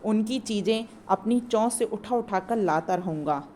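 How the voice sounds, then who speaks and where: A woman's voice: mid-range voice, measured pace, warm tone, slight background noise, natural voice. A woman reading the part of a clever, helpful crow from a children's play, in a plain reading voice. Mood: planning. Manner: read aloud plainly from the play.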